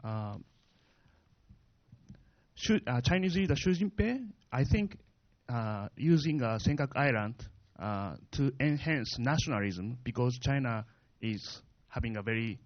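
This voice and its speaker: Hesitant correspondent asking a question. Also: male voice, mid-range voice, animated, a little slow, no echo. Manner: hesitant, many fillers. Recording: dull lo-fi sound, dry.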